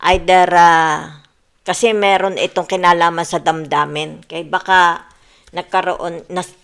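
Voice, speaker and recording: A woman's voice: lowish voice, fairly even intonation, a little slow, gravelly, fairly bright tone, clean tone. A woman reading tarot cards for her viewers, mixing Tagalog and English, often asking "di ba" and telling listeners to relax. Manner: mixes Tagalog and English, repeats "di ba" and "yan" often; soothing, tells listeners to relax. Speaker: tarot reader.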